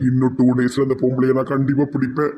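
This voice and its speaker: A man's voice: medium pitch, completely flat delivery, fast talker, mellow, a little hiss or hum, close to an everyday voice. A man with a Tirunelveli Tamil accent, voicing a harsh, demanding boss in a village comedy cartoon. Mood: stern. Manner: commanding, scolding.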